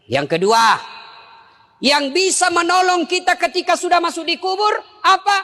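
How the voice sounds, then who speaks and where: A man preaching a humorous sermon to a congregation. He talks in an animated way, jumps between high and low voices, and fires off rhetorical questions. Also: normal speed, big-room sound. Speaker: Islamic preacher.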